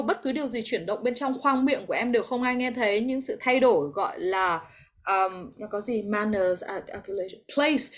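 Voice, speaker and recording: A woman with a Vietnamese accent and a voice on the high side teaches English in an online video-call class. She explains patiently and offers her students encouragement.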